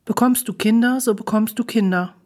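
A woman's voice: a little high, moderate pace, darkish tone, lightly acted. A woman voicing a stern middle-aged mother who lectures her daughter in a matter-of-fact way, in a storybook reading. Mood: lecturing.

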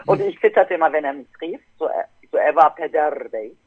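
A woman guest telling a family story casually in a podcast, lively and acting out her relatives. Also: low voice, brisk, breathy edge. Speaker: guest DJ and producer. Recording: tinny phone-like line.

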